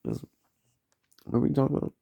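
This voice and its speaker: A man's voice: fast talker, warm tone. A man giving a rambling, profane solo vlog monologue, trailing off on tangents and tagging "man" onto his sentences. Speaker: vlogger.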